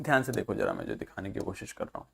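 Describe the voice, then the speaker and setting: Lively, patient male teacher. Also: on the low side, vocal fry, husky. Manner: repetitive, keeps checking in with the viewer; sounds words out slowly and repeats them. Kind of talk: classroom-style video lesson.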